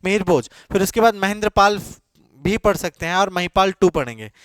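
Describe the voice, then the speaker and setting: A man's voice: high-pitched, lively intonation, brisk, clear, resonant tone, no room sound, clean studio sound. A man giving an exam-prep coaching lecture in a classroom. He keeps quizzing his students with repeated questions, answers them himself, and mixes English phrases into his talk. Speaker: coaching teacher.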